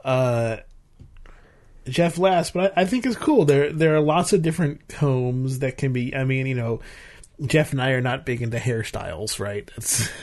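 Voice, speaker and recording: A man's voice: mid-range voice, unhurried, a little mellow. A man co-hosting a show, giving his opinions in casual chat and repeating phrases for emphasis. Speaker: podcast co-host.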